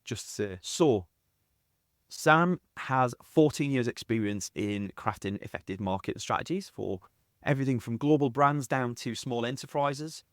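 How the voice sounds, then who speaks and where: A man with a Sunderland accent softened towards posh, hosting a podcast in a casual interviewing style. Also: mid-range voice, a little slow, dry recording, studio quality. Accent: Sunderland (Mackem), softened and posh. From North East England. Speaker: podcast host.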